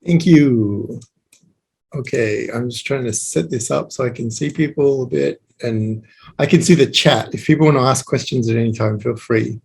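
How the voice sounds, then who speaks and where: A man giving an online meetup talk, speaking haltingly with many fillers and restarts. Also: medium pitch, creaky, a little mellow, breathy edge. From Australia. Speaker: guest speaker.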